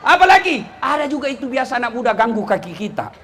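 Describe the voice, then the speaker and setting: A man delivering a humorous sermon with an Indonesian accent, telling stories and shouting punchlines to a live audience. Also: very high voice, fast talker, a faint crowd, a little hiss or hum. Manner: animated storytelling, shouting punchlines. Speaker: preacher.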